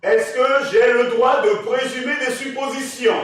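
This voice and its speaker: A man preaching a sermon, rising to emphatic shouts and questioning his congregation. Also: very high-pitched, fairly even intonation, a little slow, far from the mic, slight background noise. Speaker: pastor. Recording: echoey church hall, voice from afar.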